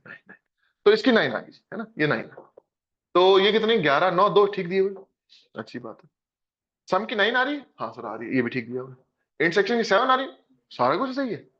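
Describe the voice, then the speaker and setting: A man with an Indian accent teaching math, going over a test with students in an encouraging way. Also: high voice. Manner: lively, encouraging, addresses students as beta. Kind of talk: discussing a test in class. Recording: dull lo-fi classroom recording.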